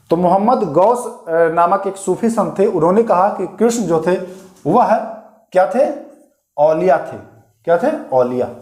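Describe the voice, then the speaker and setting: Male coaching teacher with a high voice, recorded in an echoey room, who drills students by asking questions and repeating the answers. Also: a little mellow. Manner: coaxing, mildly scolding toward students. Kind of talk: online exam-prep lecture.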